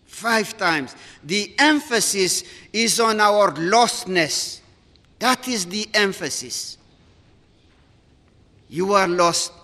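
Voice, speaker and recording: A man preaches in a bright, high voice that rings through a large hall with a long echo. He speaks slowly and earnestly, pressing on single words and repeating them for weight. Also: lively intonation. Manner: earnest, repetitive emphasis, stressing single words. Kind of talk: sermon.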